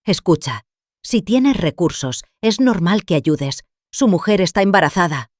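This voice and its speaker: A woman's voice: on the low side, lively intonation, unhurried, darkish tone, no room sound, clean studio sound, voice pushed up. A woman voicing a pushy, manipulative middle-aged woman who raises her voice sharply. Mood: pressing.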